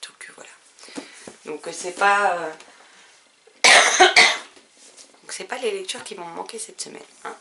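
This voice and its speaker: A woman's voice: mid-range voice, a little slow, pauses often, sharp tone. A woman vlogger chatting casually about her book purchases, rambling and full of hesitations. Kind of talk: casual book haul chat.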